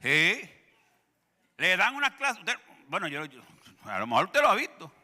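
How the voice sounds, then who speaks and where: A man's voice: high voice, wildly swooping pitch, moderate pace, sharp tone, in a large hall. A male pastor preaching a sermon in a church, joking and calling out to the congregation. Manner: humorous, calls out to the congregation. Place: church sanctuary.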